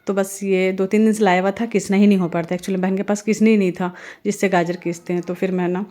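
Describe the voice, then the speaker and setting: A woman's voice: mid-range voice, flat delivery, quick pace. A middle-aged woman from India talking casually as she cooks, rambling through family news and heartfelt advice. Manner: chatty, rambling, warm-hearted advice with religious phrases. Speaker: family vlogger and mother. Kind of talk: casual voice-over while cooking.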